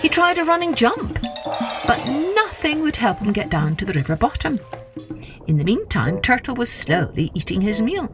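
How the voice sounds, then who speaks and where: A woman hosting a storytelling podcast, narrating a scripted folktale for children in an animated style. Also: on the high side, normal speed. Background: faint music.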